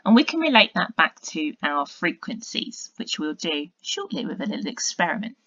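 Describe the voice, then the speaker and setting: A woman, a science teacher narrating a recorded video lesson, explaining patiently and muttering quiet asides as she draws. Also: on the low side, big pitch swings, normal speed, no echo. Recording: dull lo-fi dry recording.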